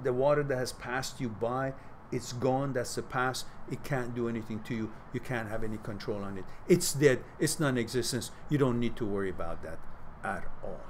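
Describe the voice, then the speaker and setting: A man's voice: mid-range voice, a little hiss or hum. Man giving reflective live advice. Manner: reflective, gives advice, reads out viewers' chat messages. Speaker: host of a live Q&A stream. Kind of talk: casual live advice talk.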